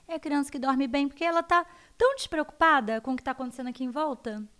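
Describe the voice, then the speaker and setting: A woman with a Brazilian accent, a guest educator explaining child development in an animated interview. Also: sits high, fast. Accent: Brazilian Portuguese. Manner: animated, acts out her children's voices.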